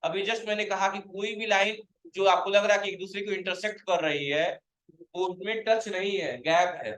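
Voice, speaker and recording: A man's voice: high-pitched, normal speed, a bit bright, roomy sound, rough recording. A male computer teacher giving a classroom lecture, quizzing his students, calling them to stand and scolding those who have not understood.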